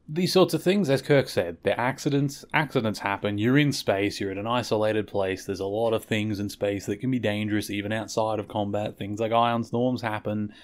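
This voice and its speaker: A man's voice: fairly low pitch, a little mellow. A man hosting a podcast, recapping an episode in a rambling, chatty way and often correcting himself. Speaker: podcast host.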